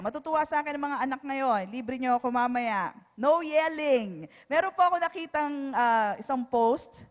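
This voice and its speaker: Filipina woman preaching in a church, high voice, long echo off the hall, keeps asking alright?. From Philippines. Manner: mixes English and Tagalog, asks "Alright?" after each point. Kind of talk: sermon.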